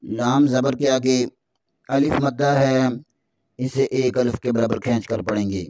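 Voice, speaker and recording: A man teaching Quran recitation with tajweed, spelling out the verses letter by letter and chanting them slowly. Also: medium pitch, fairly even intonation, mellow, no room sound. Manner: slow drawn-out recitation between brisk explanations.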